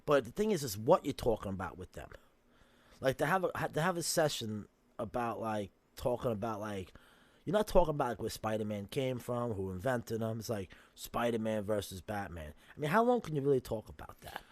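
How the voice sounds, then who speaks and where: A man's voice: medium pitch, lively intonation, fairly quick, no room sound. A man hosting a casual podcast, musing in a rambling, speculative way and swearing freely between coughs. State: coughing from smoking. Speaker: podcast host. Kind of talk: casual chat.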